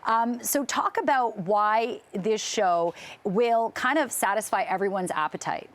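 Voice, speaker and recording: A woman's voice: mid-range voice, measured pace. A woman hosting a morning TV show, interviewing a guest in an upbeat, chatty way and laughing easily. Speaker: morning TV host. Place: TV studio.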